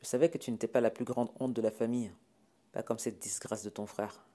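A man voicing a domineering, older billionaire father who scolds loudly and sneers. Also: medium pitch, steady tone, a little fast, natural voice. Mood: scolding. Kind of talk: audiobook character voice.

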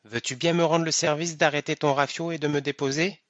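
A man's voice: on the high side, steady tone, brisk, fairly bright tone, dry recording, muffled recording, lightly acted. A man reading aloud voices a nervous male poet begging to be let off. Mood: pleading.

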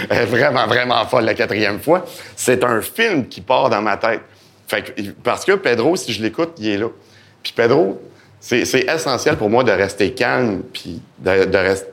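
Before a live audience in an event hall, a mid-range-voiced man with a Québécois French accent guests on a podcast, full of energy and jokes as he performs the voices inside his head.

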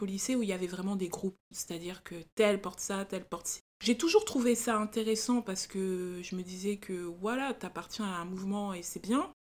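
A woman's voice: mid-range voice, a little mellow. A woman interview guest, a magazine founder, talking reflectively in a casual way. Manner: reflective, conversational.

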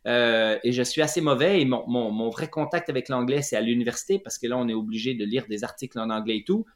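A middle-aged man with a Quebec French accent tells his story as an interview guest. His voice sits at a mid pitch, and he hesitates often, restarting phrases and filling pauses. The room around him sounds roomy and echoey. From Quebec, Lac-Saint-Jean. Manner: hesitant, many fillers and restarts. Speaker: guest, running clinic founder.

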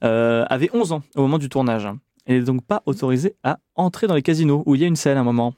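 A man's voice: mid-range voice, fast, warm tone, no room sound, studio quality. A man hosting a casual film podcast, sharing trivia in a chatty way with plenty of hesitations. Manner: chatty, many fillers, relishes film trivia. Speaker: podcast host.

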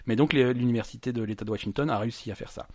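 A man's voice: mid-range voice, very fast, darkish tone, no room sound. A man hosting a casual comic podcast, rambling through explanations with many restarts and fillers. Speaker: podcast host.

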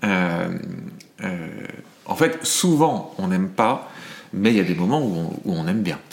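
Middle-aged male film reviewer, fairly low pitch, measured and explanatory, many restarts. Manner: hesitant, thinking aloud with many restarts. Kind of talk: casual chat.

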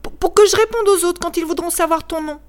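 A woman's voice: extremely high pitch, quick pace, voice pushed up. A woman voicing a small tearful boy who stammers and sobs as he speaks. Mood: eager. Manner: stammering, sobbing.

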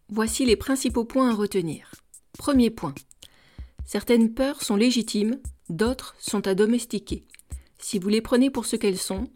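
A woman hosting an advice podcast, reading a script in a measured, deliberate way and addressing the listener directly with rhetorical questions. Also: medium pitch, a little mellow. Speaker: podcast host.

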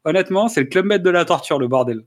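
A man co-hosting a casual film review podcast, sarcastic and quick with jokes, laughing often. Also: a little high, lively intonation. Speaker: podcast co-host.

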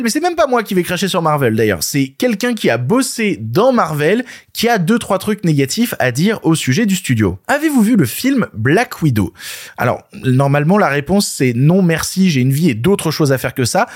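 A French man hosting a casual film podcast, sarcastic and ranting. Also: on the high side. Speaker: podcast host. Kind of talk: casual film news chat.

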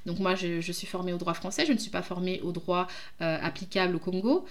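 A woman from France hosts her own podcast, talking in a casual, reflective monologue. Her voice sits a little low for a woman. She pauses often as she gathers her thoughts. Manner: reflective, hesitant, many pauses. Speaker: podcast host, jurist.

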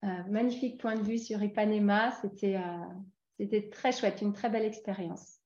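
A woman's voice: mid-range voice, steady tone, moderate pace, warm tone. A woman in her forties from France, a guest in a casual interview, talking hesitantly with many fillers and restarts. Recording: roomy, dull lo-fi sound.

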